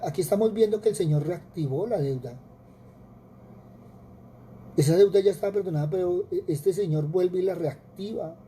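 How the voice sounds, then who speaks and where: A man's voice: high voice, dark tone, a little hiss or hum. A man with a Colombian Spanish accent preaching a sermon, earnest, with repetitions and rhetorical questions.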